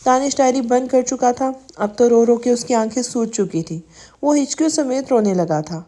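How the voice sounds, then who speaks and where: Mellow woman narrating a romance novel. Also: fairly high pitch. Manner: steady storytelling reading. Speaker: audiobook narrator.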